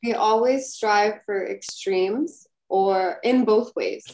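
A woman's voice: medium pitch, slow. A woman co-hosting a casual chat, telling a long anecdote with lots of "like" fillers. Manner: rambling, animated, frequent "like" fillers. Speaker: podcast co-host.

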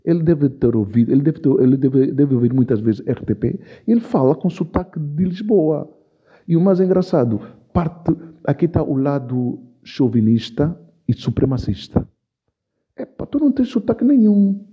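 A man's voice: mid-range voice, lively intonation, moderate pace, slightly rough. A man giving impassioned commentary in an interview, speaking emphatically and repeating key phrases for stress. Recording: dull lo-fi recording.

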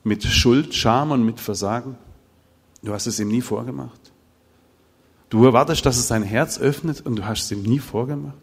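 A man's voice: medium pitch, moderate pace, slightly rough. A middle-aged man preaching and telling stories, acting out the dialogue of the people in them. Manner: animated storytelling, acting out dialogue. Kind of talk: sermon with told stories. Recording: hall with long reverb.

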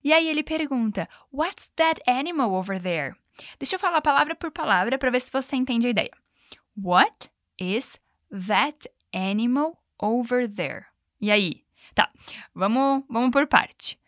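A woman's voice: high-pitched, animated, a bit bright, no echo, studio quality. Woman hosting an upbeat language lesson. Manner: upbeat, playful, switches between Portuguese and slow English examples. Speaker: English teacher and podcast host.

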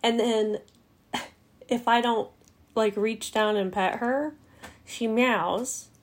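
A woman's voice: fairly high pitch, steady tone, takes it slowly. A woman co-hosting a casual comedy podcast, chatty and laughing as she tells stories about her pets. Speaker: podcast co-host.

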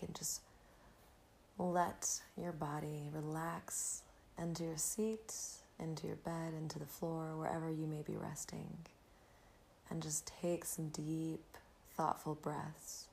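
A woman leading a guided meditation in a soft, soothing near-whisper, unhurried and gentle. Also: low voice, little pitch movement, vocal fry, slight background noise. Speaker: podcast host and meditation guide.

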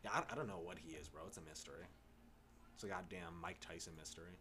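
A man's voice: sits low, quick pace, crowd noise. A man co-hosting a podcast, talking in a crude, joking way with lots of swearing and laughter. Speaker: podcast co-host. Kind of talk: casual chat.

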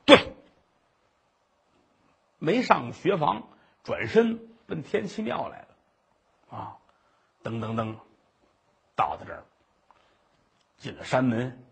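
A man telling a traditional Chinese story in a dramatic, animated way. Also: medium pitch, takes it slowly, creaky, pauses often, breathy edge. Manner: animated, dramatic, many voices.

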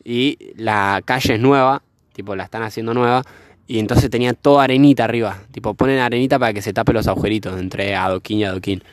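A man's voice: lowish voice, steady tone, fast, no room sound, studio quality. Slangy young guy telling a story. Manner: rambling, slangy, swears freely, laughs often. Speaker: vlogger. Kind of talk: casual storytelling chat. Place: outdoors by a fire.

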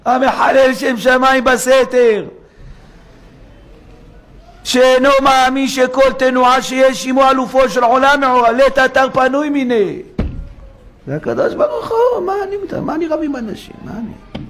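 Rabbi guy giving a sermon, lively, keeps acting out little voices, pitched up high. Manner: animated preaching, acts out rhetorical voices and quotes. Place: synagogue.

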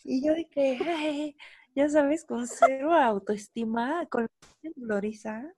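A young woman with a Mexican accent, co-hosting a podcast and telling a story in slangy, animated casual chat. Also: high-pitched, slow pace, slightly rough, dry recording, studio quality. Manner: slangy, animated, full of fillers. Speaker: podcast co-host.

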